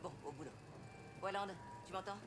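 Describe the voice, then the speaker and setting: A woman's voice: medium pitch, a little fast, fairly bright tone, slight background noise, close to an everyday voice. A woman playing a bold, foul-mouthed mercenary crew leader in a video game, cocky and commanding. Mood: low, focused. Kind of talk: video game drama acting.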